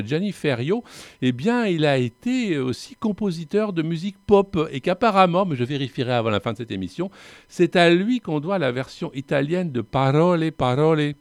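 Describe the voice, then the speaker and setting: A man with a gravelly, creaky voice hosts a radio show in a dry, close studio sound. He talks casually and wanders off on wry, self-mocking digressions, pausing often to hesitate. His voice sits at a middle pitch. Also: no echo. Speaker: radio host presenting films. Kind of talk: casual spoken commentary.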